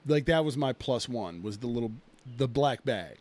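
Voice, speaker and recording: A man's voice: mid-range voice, expressive, moderate pace, a little mellow. A man in his thirties co-hosting a casual podcast, rambling and swearing through a long drinking story. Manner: rambling, profane, many fillers. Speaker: podcast co-host. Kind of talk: casual chat.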